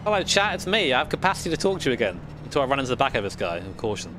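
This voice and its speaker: A man's voice: mid-range voice, big pitch swings, racing. A man chatting casually on a livestream headset mic while sim racing indoors, rambling and swearing now and then. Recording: loud car engine noise behind.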